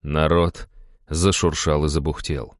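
A man reading an audiobook in an even, steady storytelling voice. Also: extremely low pitch, unhurried, no echo, studio quality. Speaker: audiobook narrator. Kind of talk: audiobook narration.

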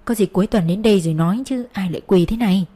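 A meek, gentle old father-in-law, read by a woman, coaxes softly and mildly. Her own voice is kept, with no put-on change. It sounds like a plain storybook reading. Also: medium pitch, racing, slightly rough, lightly acted. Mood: coaxing. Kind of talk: storybook narration.

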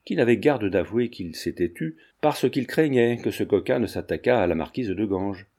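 A man narrating a classic novel as an audiobook in a steady, even storytelling manner. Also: lowish voice, normal speed, husky. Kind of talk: scripted narration.

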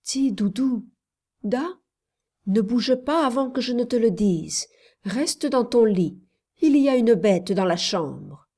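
A woman voicing a calm, devoted young nursemaid who soothes a frightened child with urgent, firm words. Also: fairly high pitch, slow pace, breathy edge, voice pushed up, exaggerated voice. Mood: hushed urgent. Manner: soothing yet urgent, rising to loud calls.

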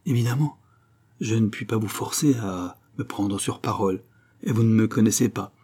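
A man doing an earnest young count in a storybook reading, talking up higher than his own low voice, eager and pleading. the sound is warm and a bit husky. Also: normal speed. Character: earnest young male count, impulsive and kind.

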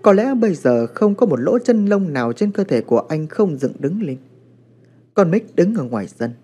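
A man narrating a horror story in a dramatic, expressive way. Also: high-pitched, normal speed, breathy edge, soft background music.

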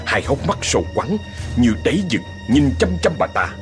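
A man's voice: mid-range voice, normal speed, over music. A man narrating a ghost story dramatically. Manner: dramatic, expressive.

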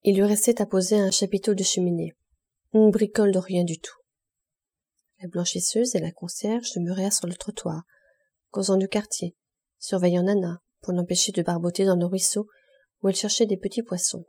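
A woman narrating a classic novel as an audiobook reader, measured and expressive in short phrases. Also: mid-range voice, breathy edge. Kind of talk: scripted literary narration.

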